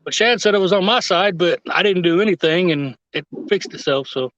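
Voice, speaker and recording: An older man hosting a casual fishing livestream from the river, relaxed and quick to laugh. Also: sits high, a little hiss or hum. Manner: laid-back, laughs often. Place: outdoors by a river, on a boat. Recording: muffled lo-fi stream audio.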